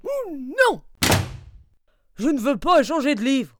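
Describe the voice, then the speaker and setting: A woman's voice: a little high, very animated, slow pace, noisy background. A woman voicing a grumpy, solitary male bear who grumbles and snaps out refusals in a storybook reading. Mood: furious shouting. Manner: grumbling, snapping, shouting refusals.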